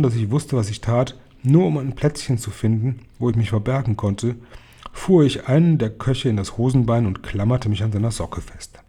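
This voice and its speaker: Male audiobook reader, dark husky voice, lively storytelling. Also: medium pitch. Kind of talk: scripted audiobook narration.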